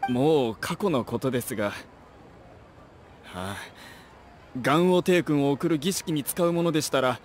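A man's voice: mid-range voice, unhurried, long pauses, a little hiss or hum, lightly acted. A man voicing a humble, very polite shopkeeper in a game, speaking in formal shop courtesy. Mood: earnest. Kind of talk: Japanese game dub. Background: game music.

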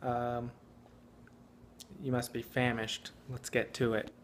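A man in his thirties filming a casual home cooking vlog in his kitchen, talking in an offhand, self-mocking deadpan. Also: medium pitch, slow, a little hiss or hum. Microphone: phone camera held at arm's length.

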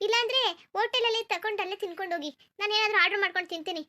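Lady doing a super squeaky lazy young wife in a cartoon, whines nonstop, stubborn. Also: pushed and bright. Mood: whiny. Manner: complaining, stubborn, rapid-fire. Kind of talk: cartoon voice acting.

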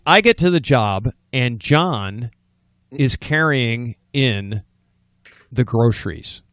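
A man's voice: mid-range voice, lively intonation, slow pace, fairly bright tone, no echo. A man co-hosting a home improvement talk show, chatty and jokey. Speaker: co-host. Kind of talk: casual chat.

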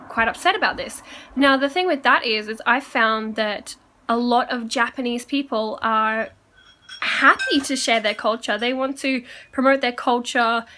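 Young woman rambling into her camera at home, kinda high voice, background hiss. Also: pushed and bright, poor audio. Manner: chatty, lots of "like", laughs often. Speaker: vlogger. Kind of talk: casual vlog chat. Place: at home eating dinner.

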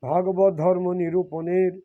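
Reading and interpreting devotional scripture, a man speaks a little slowly in a high, level voice. He often repeats and rephrases himself, and the audio is dull and lo-fi.

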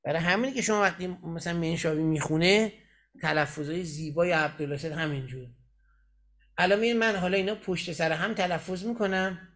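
High-voiced man teaching recitation. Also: a bit bright. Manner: explains step by step and keeps checking "got it?". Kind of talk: lecturing in a recitation class.

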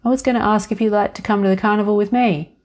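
A woman's voice: mid-range voice, steady tone, quick pace, a little mellow, voice pushed up, close to an everyday voice. A woman voicing a shy, polite office man with a mild manner.

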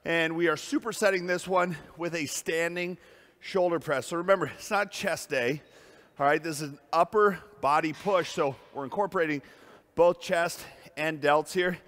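Male personal trainer, slightly high, upbeat and winded while lifting, gym echo. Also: normal speed, a bit bright. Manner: upbeat, pumped-up coaching with breathy exhales. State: out of breath. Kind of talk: workout coaching while lifting.

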